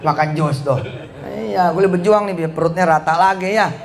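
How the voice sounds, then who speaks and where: A man giving a joking, animated motivational sermon in casual slang. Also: high-pitched, normal speed, creaky, a crowd in the background. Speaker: preacher.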